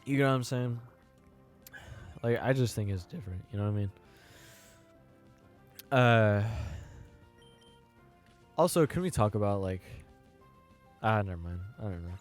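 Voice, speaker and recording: A man's voice: fairly low pitch, animated, unhurried, long pauses, soft background music. A young American man hosting a podcast, talking through his opinions in a rambling, hesitant way and often checking in with "you know what I mean.". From United States. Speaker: podcast host. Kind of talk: casual opinion monologue.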